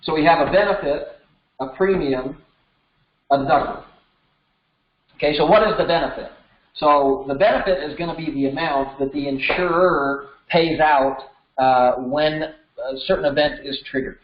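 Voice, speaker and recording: An American instructor in his thirties gives an informal, conversational lesson, explaining things step by step. His voice is a little high and moves at a moderate pace. The recording has a roomy echo and slightly dull sound.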